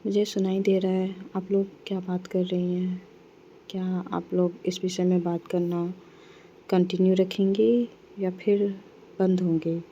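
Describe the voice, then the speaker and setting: Confident teasing young woman, voiced by a woman narrator, dark low voice, lo-fi sound. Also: level tone, measured pace, a little hiss or hum. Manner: playful, coolly formal when angry.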